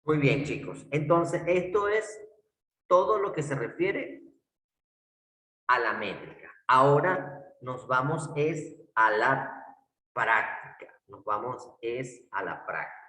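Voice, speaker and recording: A man leads a classroom lesson, slow and deliberate, repeating each point and checking that his students follow. His pitch rises and falls in a lively way as he stresses words. He is picked up from a distance in an echoey classroom. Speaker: teacher.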